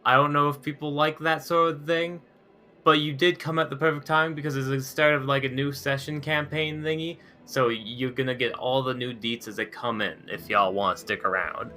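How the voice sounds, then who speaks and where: A man hosting a casual livestream, excitable and self-deprecating as he chats to viewers. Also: medium pitch, moderate pace. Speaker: streamer hosting a tabletop character creation session. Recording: background music behind voice. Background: music.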